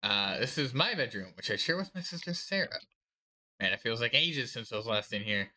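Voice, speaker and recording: A man's voice: mid-range voice, big pitch swings, fairly quick, sharp tone, pitched below the performer's own voice. A man voicing a caring, weary teenage girl who is an older sister, reading game dialogue aloud in a fond, chatty way.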